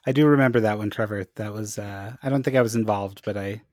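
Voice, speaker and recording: A man's voice: lowish voice, fast, darkish tone, no room sound, studio quality. Joking male podcast host. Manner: playful, jokey, steers the topics. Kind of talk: casual podcast chat.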